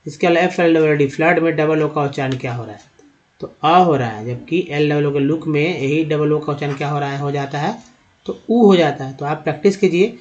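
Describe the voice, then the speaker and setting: A man's voice: fairly high pitch, a little mellow, dull audio. A man teaching how to read English words, patiently asking and answering his own questions about each vowel sound. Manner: addresses viewers as friends. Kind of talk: spoken lesson at a board.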